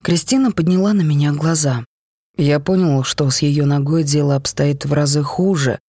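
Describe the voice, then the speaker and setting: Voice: mid-range voice, steady tone, normal speed, mellow, dry recording. Dry, close audiobook narrator. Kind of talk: audiobook narration of a first-person story.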